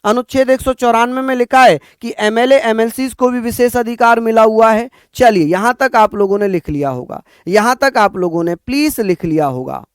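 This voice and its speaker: A man from northern India teaching an exam-prep lecture, repeating points slowly for students to write down. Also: very high voice, clear, resonant tone, no room sound, clean studio sound. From Uttar Pradesh, India. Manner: addresses students as bhaiya, repeats points for dictation.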